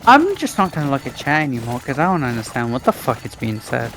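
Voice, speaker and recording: A woman co-hosting a game stream, excitable and rambling, swearing a lot and jumping high in pitch when surprised. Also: quick pace, soft background music. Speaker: stream co-host. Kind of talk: casual live-stream chat.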